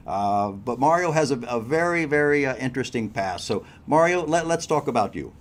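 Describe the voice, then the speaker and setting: This man hosts a cruise news show and interviews a guest, speaking in a chatty way straight to his listeners and addressing crew members directly. His voice is medium-pitched, expressive, and brisk.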